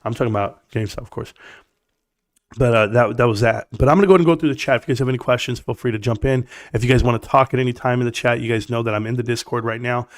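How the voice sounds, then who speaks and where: A scratchy-voiced, middle-aged man fires off a rapid, blunt stock rant to his livestream viewers in a mid-range voice. He's emphatic and opinionated, speaking right to the chat, captured in studio quality with no echo.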